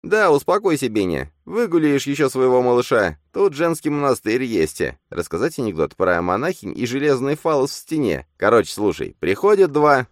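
Sneering double, high voice, vulgar, voiced by a man, dry sound. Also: big pitch swings, moderate pace, few pauses, no room sound, close to an everyday voice. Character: mocking young male inner double, crude and jeering. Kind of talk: audiobook character voice.

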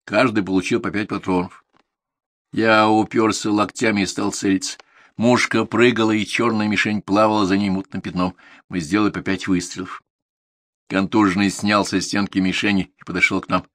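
A man calmly reading a literary story aloud as a narrator, in a measured storytelling manner. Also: lowish voice, no room sound. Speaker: audiobook narrator.

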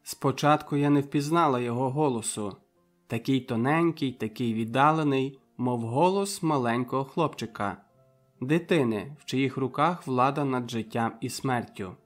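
A man reading an audiobook in a measured, dramatic first-person narration. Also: medium pitch, soft background music. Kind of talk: scripted narration.

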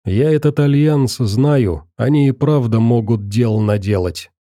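Earnest young guy from the metro talking men round, man reading it, very dark mellow voice, dry. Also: medium pitch, a little slow, dry recording, natural voice. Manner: earnest, insistent. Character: young male metro survivor, persuasive and earnest.

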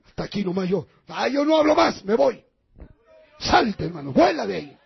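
A man's voice: high voice, big pitch swings, moderate pace, vocal fry, husky, muffled recording, a faint crowd. A male pastor preaching a sermon, emphatic and repetitive, often calling to his listeners as brothers.

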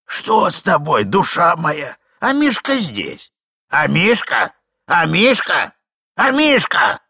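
A man voicing a fussy, frantic elderly husband who shouts in a shrill, flustered way. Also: huge pitch swings, slow, gravelly, slightly rough, no echo, clean studio sound, heavily acted. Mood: alarmed.

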